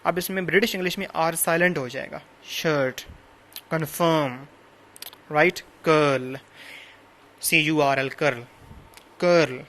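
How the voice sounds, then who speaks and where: A man's voice: fairly high pitch, fairly even intonation, a little slow, long pauses, pushed and bright. A man lecturing on a novel, patiently explaining English words by listing translations and synonyms, repeating and rephrasing each point. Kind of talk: recorded classroom lecture.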